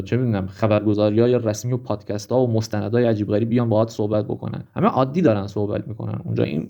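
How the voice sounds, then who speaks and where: A male vlogger with a medium-pitched, dark voice delivers a casual monologue. He chats in a relaxed way while animatedly listing one example after another.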